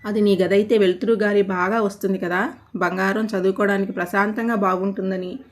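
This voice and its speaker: A woman voicing a doting middle-aged mother who explains things patiently and softly in a storybook reading. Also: medium pitch, fairly even intonation, a little fast, lightly acted. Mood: soothing.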